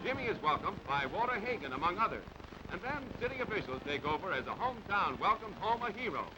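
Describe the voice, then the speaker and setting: A man with a high-pitched voice and big pitch swings delivers scripted newsreel narration at a quick pace, in clipped, dramatic phrases. Loud music plays under the dull, band-limited audio.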